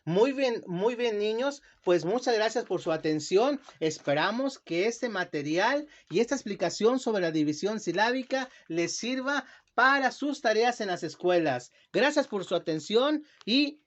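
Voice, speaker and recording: A man teaching children a lesson, speaking slowly and carefully and stretching words out syllable by syllable. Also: high-pitched, animated. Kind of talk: classroom lesson explanation. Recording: dull lo-fi sound.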